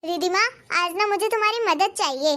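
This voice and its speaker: A woman's voice: very high-pitched, a little fast, sharp tone. A woman voicing a spoiled, scheming young wife in a Hindi cartoon, bossy and boastful.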